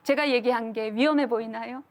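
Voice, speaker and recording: A woman's voice: fairly high pitch, steady tone, a little fast, a little hiss or hum. A middle-aged woman lecturing to an audience, telling stories earnestly and acting out the quotes. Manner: earnest storytelling with acted-out quotes.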